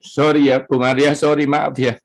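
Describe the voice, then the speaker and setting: A man, a pastor giving an emotional sermon testimony at a church prayer service, speaking slowly with long pauses. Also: medium pitch, little pitch movement, gravelly. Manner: slow, emotional storytelling with drawn-out pauses.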